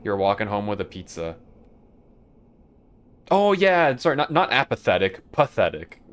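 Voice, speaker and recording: A man's voice: lowish voice, sing-song, a little slow, a bit bright. A young man streaming a video game, chatting casually in a rambling, profane way and chuckling often. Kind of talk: casual chat while playing a game live.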